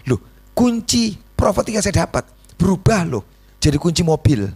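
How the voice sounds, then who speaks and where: Gravelly Javanese-accented pastor preaching animatedly. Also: male voice, moderate pace. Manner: animated, jumps into high voice for dialogue. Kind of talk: sermon with storytelling.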